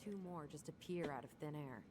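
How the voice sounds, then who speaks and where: An actress playing a caring, earnest young woman with a gently wry edge, heard as game audio. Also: deep voice, a little fast, a crowd in the background, close to an everyday voice. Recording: game audio with ambient noise.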